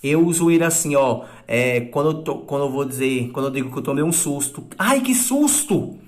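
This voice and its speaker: A man's voice: medium pitch, fairly even intonation, darkish tone. A man teaching a recorded class lesson to children, explaining patiently step by step and often checking "tá bom?" with his pupils. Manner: acts out sample exclamations in a raised, drawn-out voice.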